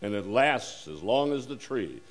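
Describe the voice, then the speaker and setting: A man playing a polished 1940s radio announcer who gives a formal, smooth sponsor pitch in old radio style. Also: sing-song, unhurried, soft background music. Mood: upbeat.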